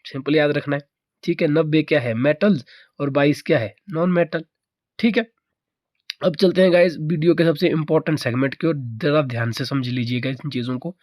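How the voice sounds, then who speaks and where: A man's voice: on the high side, a little mellow, no room sound. Dry close-miked male chemistry teacher. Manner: repeats key answers as questions to the viewer. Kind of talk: exam-prep chemistry lesson.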